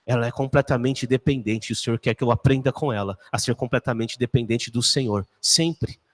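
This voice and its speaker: A man's voice: medium pitch, fairly quick, long reverb tail. A man in his thirties, a pastor preaching a conversational sermon full of rhetorical questions. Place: church.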